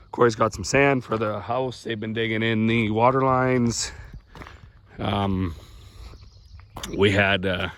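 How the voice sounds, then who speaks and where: A young man from Canada, a farmer, talking casually in a rambling, folksy, plain-spoken way while hoarse from losing his voice, outdoors on his farm. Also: lowish voice, dry recording. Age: young adult. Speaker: farmer vlogger.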